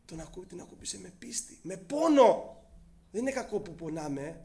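A man's voice: high voice, very animated, creaky, darkish tone. A male preacher giving a fervent sermon, addressing the congregation as brothers, with frequent hesitant fillers.

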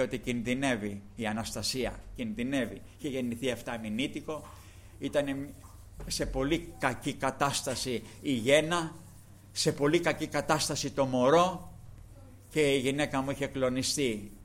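An older man preaching a sermon with fervor, repeatedly breaking into praise refrains and speaking directly to the congregation. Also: mid-range voice. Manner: fervent, punctuates with praise refrains; addresses the flock, slow emphatic stretches.

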